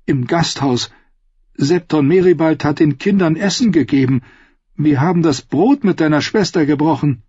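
A man's voice: deep voice, brisk, hardly any pauses, husky, no room sound, muffled recording. A man reading a story aloud, voicing a feverish, wounded female knight who cries out in pleading bursts.

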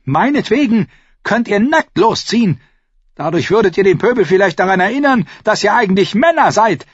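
A man's voice: high voice, animated, normal speed, husky, dry recording, lo-fi sound, voice pushed up. A man voicing a haughty, furious queen who hisses scorn in an audiobook. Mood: scornful furious. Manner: hissing scorn. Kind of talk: audiobook character voice.

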